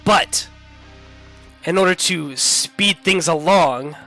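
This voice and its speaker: A man's voice: on the high side, slow, bright, forceful tone, faint music behind. A man casting a college esports final, upbeat and hyping up each player, a little under the weather. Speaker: play-by-play caster. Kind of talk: esports commentary.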